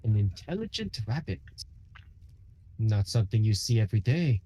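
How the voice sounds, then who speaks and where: A man's voice: on the low side, very animated, normal speed, dark tone, husky. A man playing a tabletop game who muses and thinks aloud hesitantly as he plays. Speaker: player. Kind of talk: casual tabletop game play.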